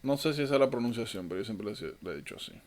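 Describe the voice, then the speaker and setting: A man's voice: lowish voice, very animated, rapid-fire, a little mellow. A man tutoring medical students in an online lecture, informal and thinking aloud, often correcting himself.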